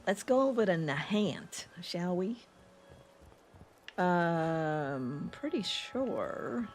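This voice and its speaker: A woman's voice: fairly low pitch, very animated, extremely slow, a little mellow, a little hiss or hum. A woman with an East Coast accent, streaming a game and chatting in a rambling, laughing way while reading chat aloud. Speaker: gaming streamer. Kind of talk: casual let's-play chat.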